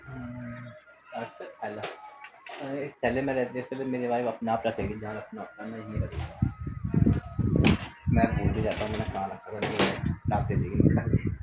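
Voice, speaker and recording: A man's voice: medium pitch, level tone, moderate pace. A man from the Garhwal hills with a Garhwali accent, chatting casually as a family vlogger and father at home, rambling and coaxing his child. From Garhwal hills, India. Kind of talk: casual home vlog chat. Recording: home recording with clear background noise.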